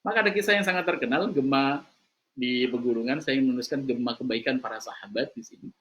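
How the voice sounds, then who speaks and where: A man giving a lively religious motivational talk, telling stories and shouting out the voices of their characters. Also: fast talker. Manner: animated storytelling, acting out voices in a high shout. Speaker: preacher. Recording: slightly dull lo-fi recording.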